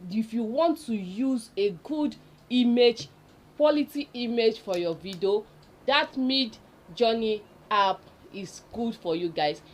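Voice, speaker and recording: Her voice is a little high and her pace slow, with a Nigerian accent. She's a tutorial host running an informal, unscripted explainer listicle, addressing viewers and going over points again for emphasis.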